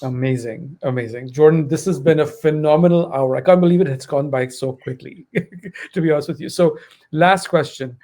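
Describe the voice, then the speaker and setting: A man's voice: on the high side, normal speed, a little mellow. A man hosting a podcast interview, wrapping up with generous praise and frequent "um" fillers. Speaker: podcast host. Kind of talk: interview conversation.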